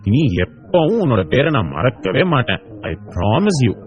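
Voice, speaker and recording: A man voicing a kind adult who gently coaxes and comforts a crying child, for an audiobook. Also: medium pitch, very animated, measured pace, dull audio, faint music behind. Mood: coaxing. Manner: gentle, coaxing, affectionate. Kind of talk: audiobook character voice.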